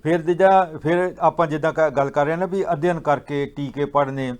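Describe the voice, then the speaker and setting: Man talking thru scripture, patient teacher vibe, slows right down for verses, voice a bit high. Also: steady tone, clean tone. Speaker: guest speaker on Sikh scripture. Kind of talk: explanatory religious talk.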